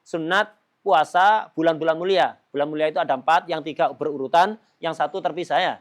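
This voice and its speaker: A man's voice: a little high, brisk. A man giving a religious study lesson in an emphatic, casual way, often putting rhetorical questions to his listeners and mixing in Arabic phrases. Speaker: religious teacher.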